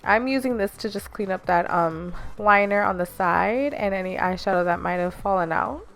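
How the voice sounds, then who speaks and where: Casting: young woman, casual tutorial voice-over, friendly and instructive, soft music underneath. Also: medium pitch, normal speed, gravelly. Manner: chatty, instructive, self-deprecating. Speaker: beauty vlogger.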